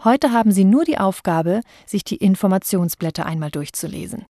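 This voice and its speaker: A woman leads a voice training lesson as a speech coach, talking in a clear, deliberate way. She sits in the middle of the usual range for a woman's voice. The sound is dry and close, with almost no room in it. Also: mid-range voice, expressive, mellow, no room sound. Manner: clear, deliberate, demonstrates stress with slowed example sentences.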